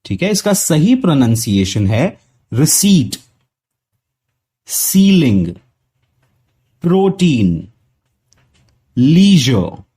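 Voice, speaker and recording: A man's voice: mid-range voice, warm tone, husky. A man teaching English pronunciation in Hindi, reading out practice words one at a time. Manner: reads word lists one word at a time. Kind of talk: pronunciation lesson.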